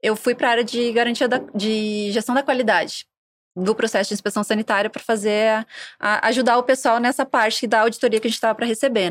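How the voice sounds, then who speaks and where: A woman with a softened accent from Rio Grande do Sul, guest on a podcast, telling her story in a relaxed way with frequent tag questions. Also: fairly high pitch, no echo, clean studio sound. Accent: southern Brazilian (Rio Grande do Sul), softened. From interior of Rio Grande do Sul, Brazil. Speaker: guest, regulatory specialist. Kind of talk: casual podcast interview. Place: podcast table at an office.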